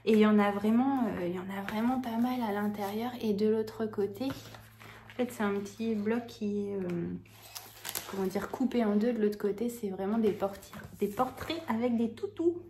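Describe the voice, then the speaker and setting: A woman's voice: mid-range voice, normal speed, mellow, a little hiss or hum. A woman vlogging casually to camera, gushing and hesitant, restarting her sentences with many fillers. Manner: enthusiastic, gushing.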